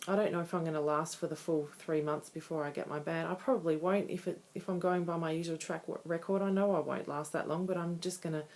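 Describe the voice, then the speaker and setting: A woman's voice: sits low, steady tone, fast talker, few pauses, a little mellow. A woman in her thirties talking candidly and conversationally in a casual personal video diary. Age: 30s. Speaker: vlogger.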